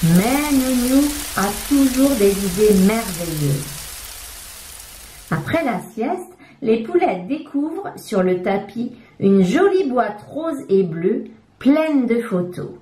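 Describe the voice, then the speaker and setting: A woman reading a children's story aloud in an expressive, animated storytelling manner. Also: on the high side, slow, roomy sound, a little hiss or hum.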